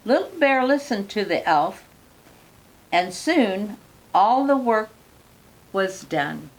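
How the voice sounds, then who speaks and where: An older woman reads a children's picture book aloud at an unhurried pace. Her voice sits at a middle pitch, and she pauses now and then for gentle asides to the young listener. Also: animated, poor audio. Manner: slow, gentle reading with warm asides to the listener. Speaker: storyteller.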